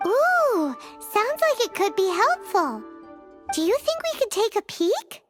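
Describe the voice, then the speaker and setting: A woman voicing a tiny, nosy fairy-like companion in a video game, excitable and blunt, calling herself by her own name. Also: very high-pitched, slow, soft background music, exaggerated voice. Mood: curious.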